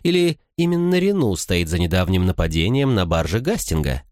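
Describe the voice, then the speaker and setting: A man's voice: low-pitched, very animated, a little fast, darkish tone, no echo, clean studio sound. A man voicing a sly, smug noblewoman who gossips and schemes, talking condescendingly in an audiobook. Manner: chattering, condescending.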